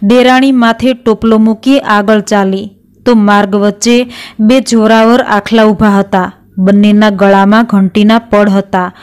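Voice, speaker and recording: A middle-aged woman narrating a devotional folk tale in a steady, plain storytelling manner. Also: medium pitch, unhurried, clean tone. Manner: steady, plain storytelling with quoted dialogue read in the same voice.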